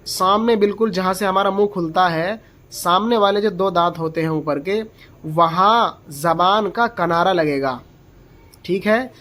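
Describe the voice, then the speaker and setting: A Quran reading teacher giving a slow, step-by-step pronunciation lesson, explaining where each letter is formed and repeating its sound aloud. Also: mid-range voice, fairly bright tone. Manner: patient, explains slowly and models each letter sound aloud several times; asks the learner short checking questions.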